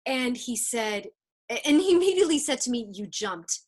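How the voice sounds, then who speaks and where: A woman's voice: sits high, expressive, fairly quick. A woman hosting a casual interview, chatting eagerly and telling stories over a video call. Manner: enthusiastic, chatty storyteller. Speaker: interview host.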